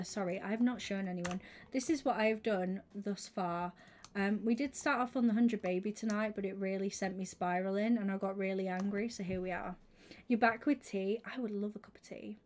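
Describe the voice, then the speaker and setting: A young woman chatting casually on her live stream, bubbly and quick to laugh. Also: medium pitch. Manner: bubbly, laughs often, squeals when excited.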